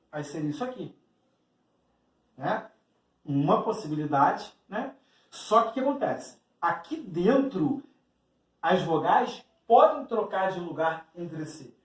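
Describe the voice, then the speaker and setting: A man's voice: sits high, roomy sound, distant mic. A man with a Brazilian Portuguese accent teaching an exam-prep math lesson, explaining step by step and talking straight to the student. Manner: explanatory, addresses the student directly, acts out student questions.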